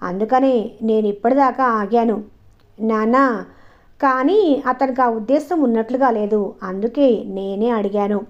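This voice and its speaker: Woman playing a calm young daughter in an audio story, reasons firmly, slightly high, dull audio. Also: unhurried, natural voice. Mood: calm, reasoning. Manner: composed, reasoning, gently firm.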